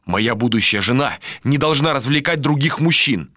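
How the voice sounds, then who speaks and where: This is an obsessive nobleman in an audiobook who gives orders and won't take no, read by a man in his own voice. The delivery is bright and forceful and swings widely in pitch. It is recorded close and dry. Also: animated, normal speed, dry recording. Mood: controlling. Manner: commanding, then obsessive and menacing. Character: possessive, unhinged young nobleman. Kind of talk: audiobook character voice.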